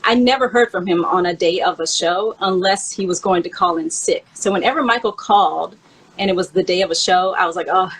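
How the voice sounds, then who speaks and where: Husky and fairly low, her voice moves a little fast on a low-quality recording. As a host and memoir author running through a countdown of her favorite songs, she chats casually and shares personal memories in a candid way.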